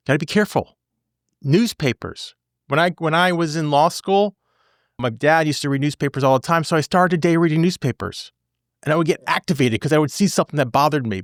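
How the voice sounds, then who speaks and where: A man's voice: a little high, a bit bright, dry recording, clean studio sound. A man in his forties hosting a podcast as a divorce attorney, talking casually and animatedly, repeating phrases for emphasis.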